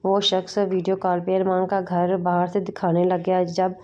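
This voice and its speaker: Flat, low-voiced woman narrating a novel. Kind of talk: romance novel read-aloud. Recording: dull lo-fi recording.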